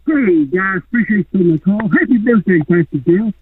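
A man's voice: sits high, expressive, brisk, slightly rough, no room sound. A man from Mississippi calling in to a radio show, rambling and stumbling over his words, his voice muffled as if he were inside a barrel on a phone line. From Mississippi, USA. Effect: muffled, as if talking inside a barrel. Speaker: radio call-in listener. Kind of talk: casual phone call.

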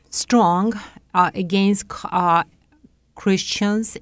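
An older woman from Uzbekistan, telling her faith story in an interview, slowly and carefully with hesitant pauses. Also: medium pitch, clear, resonant tone, no room sound. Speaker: interview guest. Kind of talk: personal testimony.

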